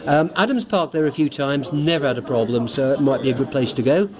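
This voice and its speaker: A man's voice: medium pitch, brisk, a crowd in the background. A man co-hosting a football podcast, chatting casually with dry humour and plenty of fillers. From England. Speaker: podcast co-host. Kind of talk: casual chat about away-ground travel.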